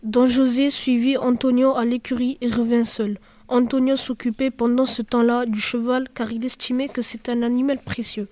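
Woman, audiobook narrator, steady storytelling, mellow tone, dry close sound. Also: fairly high pitch, normal speed, few pauses, dry recording.

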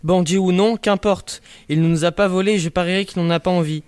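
A man playing an easygoing gentleman traveler. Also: sits high, steady tone, a little fast, smooth, no room sound, natural voice.

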